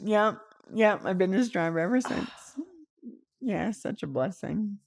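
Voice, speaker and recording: A woman's voice: mid-range voice, expressive, slow pace, vocal fry. A middle-aged woman, a guest on a podcast, telling a personal story animatedly and emotionally, often laughing and saying "you know".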